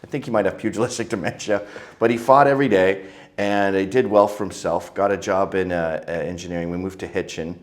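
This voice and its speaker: A man's voice: sits low, steady tone, a little fast. A middle-aged man, telling stories as an interview guest in a crude, joking, provocative way. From Canada. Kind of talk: casual interview storytelling.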